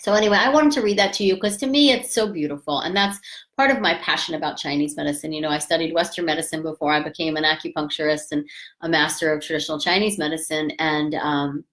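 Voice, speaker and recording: A woman's voice: low-pitched, fast, fairly bright tone. A middle-aged woman acupuncturist giving a casual educational talk on health, now and then reading aloud from her own book, chatty and emphatic with many fillers. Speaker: acupuncturist and fertility author.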